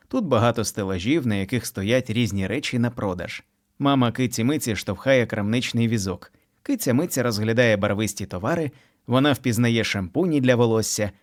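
A man reading a children's picture book aloud with expressive, sing-song storytelling. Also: medium pitch.

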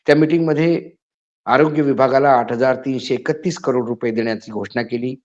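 Male political commentator, indignant editorial delivery with emphatic peaks, mid-pitched, slightly muffled audio. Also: a little fast. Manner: indignant, rising to emphatic outbursts.

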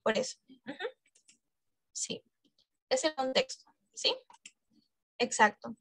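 A woman's voice: high voice, big pitch swings, takes it slowly, a bit bright, dry recording. A woman teaching an English exam-prep class, coaxing students and checking in with frequent questions.

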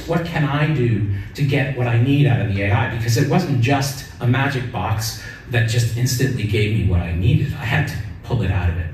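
A man's voice: mid-range voice, lively intonation, moderate pace, a little mellow. Middle-aged male keynote speaker, personal and earnest, distant echoey hall recording with faint noise. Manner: personal, earnest, tag questions "right?". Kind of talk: conference keynote talk. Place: large conference hall, at a lectern. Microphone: lectern mic, recorded from the audience.

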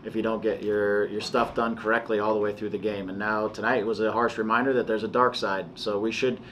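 Halting, low-voiced coach, flat delivery. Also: male voice, slight background noise. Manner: measured, halting, many restarts and fillers. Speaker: soccer head coach. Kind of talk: post-match press conference. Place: press room before a sponsor backdrop.

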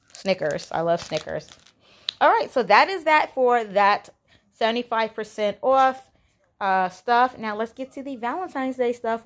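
A young woman at home chatting casually through a shopping haul, gushing and giggling as she goes. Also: mid-range voice. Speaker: vlogger. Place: home, indoors.

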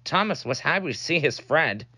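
A man narrating a children's story in an animated storytelling way, with music behind. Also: on the high side, moderate pace, background noise.

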